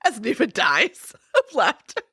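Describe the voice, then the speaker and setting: Lively, chatty woman podcast co-host. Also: on the high side, measured pace, breathy edge, dry recording, studio quality. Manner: chatty, swears freely, laughs loudly at her own jokes. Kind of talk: casual chat.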